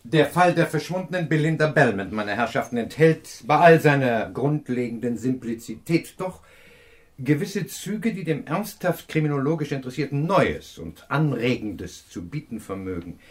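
A male actor plays a self-satisfied professor who solves crimes in a radio play. He lectures with pompous, pedantic precision. His mid-pitched male voice rises and falls dramatically. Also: lively intonation, normal speed, natural voice. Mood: pompous lecturing.

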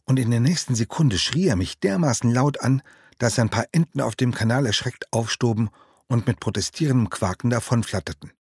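A man reading his own children's novel aloud in an expressive storytelling manner, recorded as an audiobook. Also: medium pitch, a little fast, husky, no echo, clean studio sound. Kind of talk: audiobook narration.

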